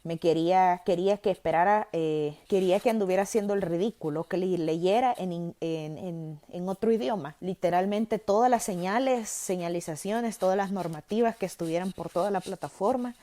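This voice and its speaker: A woman with a Salvadoran accent, telling a personal story as a podcast host in an animated way, correcting herself as she goes. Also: on the low side, normal speed, few pauses. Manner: animated, lively retelling with self-corrections.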